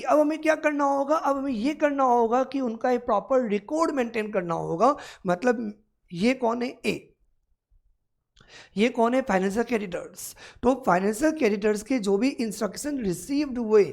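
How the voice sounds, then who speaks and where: A woman law tutor giving an exam-prep lecture, acting out scenarios and quizzing the class, then reading legal text out slowly. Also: fairly high pitch, vocal fry. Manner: animated, acts out scenarios in first person and asks the class questions.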